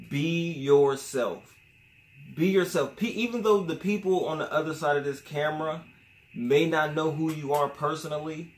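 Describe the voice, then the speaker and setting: Casual man giving channel tips. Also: medium pitch. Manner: conversational, repeats key points for emphasis. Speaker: sneaker YouTuber. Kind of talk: casual advice vlog.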